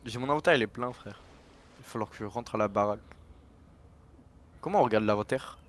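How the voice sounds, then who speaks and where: A man's voice: lowish voice, brisk. A young adult man, a streamer casually commenting on a game with a friend in teasing, slangy speech.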